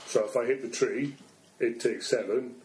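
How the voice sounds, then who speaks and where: A man's voice: mid-range voice, normal speed, a little mellow, slight background noise. A man playing a tabletop game, eagerly asking about the rules as he takes his turn. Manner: eager, checking rules with questions. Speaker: player. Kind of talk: casual tabletop game chat. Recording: echoey room with chatter behind.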